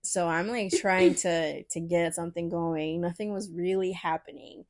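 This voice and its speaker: A young woman co-hosting a podcast, telling a story in casual chat, animated and profane, often laughing. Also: on the low side, unhurried. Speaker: podcast co-host.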